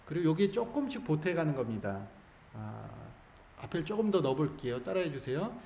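A male Buddhist monk with a fairly high voice leads a temple congregation through a guided practice, playful and coaxing. His words ring around a roomy hall, with a faint hum of room sound behind him. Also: big pitch swings, a little fast, vocal fry, dark tone. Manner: playful, coaxing, jokes with the audience. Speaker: Buddhist monk giving a Sunday dharma talk. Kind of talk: sermon with guided call-and-response practice.

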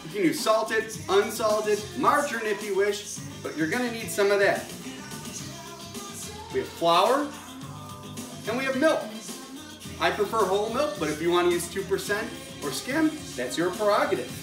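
A man's voice: high-pitched, lively intonation, normal speed, long pauses, over music. A middle-aged man hosting a homemade cooking show in his kitchen, explaining each step in a folksy way while he stirs. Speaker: home cooking show host. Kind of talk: casual cooking demonstration. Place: home kitchen indoors.

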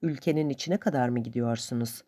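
A woman voicing a greedy, sharp-tongued male boatman who answers back in quick, defiant retorts. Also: very deep voice, husky, pitched below the performer's own voice. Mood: grumbling.

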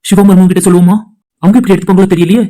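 Casting: man doing a fast-talking anxious dad in a cartoon, fretting aloud. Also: high-pitched, fairly even intonation, warm tone, natural voice. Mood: worried. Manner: anxious, talks to himself. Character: worried father of a lost daughter. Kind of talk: cartoon voice acting.

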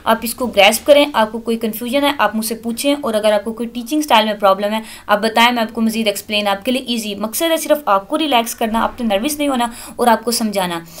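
A woman teaching English in a recorded lecture. She reads English text slowly, explains it patiently, and mixes English into her speech. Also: a little high. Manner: addresses students as children, switches often into English.

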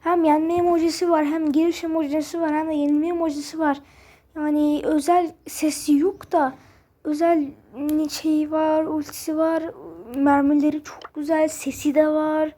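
A woman hosting a casual gameplay video, chatty and excitable, who keeps talking straight to her viewers. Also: high voice, normal speed. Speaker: gaming video host.

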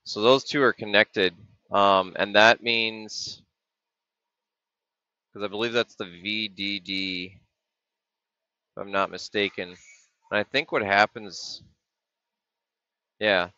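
A man's voice: fairly low pitch, fairly even intonation, slow, long pauses, pushed and bright, no echo. A middle-aged man casually walking through a chip datasheet and circuit board, thinking aloud with frequent ums and restarts. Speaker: maker explaining a project. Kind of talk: casual screen-share walkthrough. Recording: dull, dry lo-fi webcam audio.

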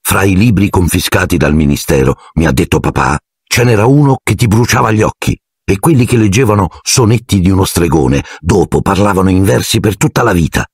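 A man's voice: low voice, animated, fairly quick, hardly any pauses, husky, no room sound, clean studio sound, full character voice. A man voicing a nervous, cautious schoolboy wizard with an anxious, slightly raised voice. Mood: worried.

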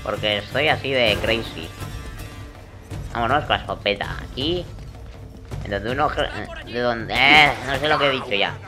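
A man casually commenting on a video game he is playing, excitable and swearing, talking to himself. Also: mid-range voice, normal speed, long pauses. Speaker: gameplay commentator. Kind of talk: casual let's-play commentary. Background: game music and gunfire.

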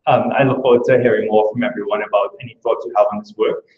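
This academic speaker from Trinidad and Tobago, a man with a Trinidadian accent, talks quickly in a steady, lowish voice. He gives an earnest conference talk in a lecture room, packed with rhetorical questions. The room recording sounds echoey and dull.

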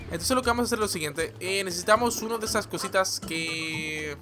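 A man giving excitable, rambling let's-play commentary as a gaming channel host, yelling at the game as he plays. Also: high-pitched, brisk. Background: game music.

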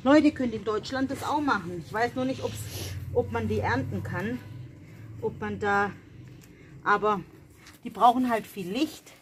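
This mother's fairly high voice is measured and often pauses as she chats to viewers while gardening after dark. The casual family vlog carries a faint hiss or hum.

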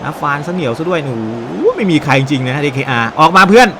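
A Thai-accented man commentates a football video game with high, lively energy, his voice leaping up and down as he reacts to each attack. He keeps up a running stream of exclamations. Steady noise sits under the recording. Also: fast. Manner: animated play-by-play, frequent exclamations. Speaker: gaming YouTuber.

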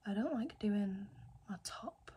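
A woman's voice: mid-range voice, expressive, slow pace, warm tone, breathy edge. A young woman whispering a chatty ASMR makeup tutorial, rambling and often correcting herself. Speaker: ASMR creator.

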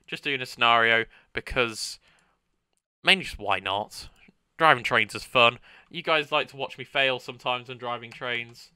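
A man's voice: medium pitch, normal speed, pushed and bright, smooth, no room sound, studio quality. A man streaming a train driving game, chatting casually and upbeat, throwing in sound-effect exclamations while he greets chat. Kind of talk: casual gameplay commentary.

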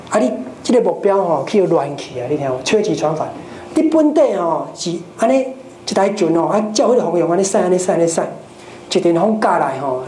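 A Buddhist dharma teacher giving a lively lecture, often turning to the audience with rhetorical questions. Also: mid-range voice. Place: lecture hall of a Buddhist society. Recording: roomy hall with faint noise.

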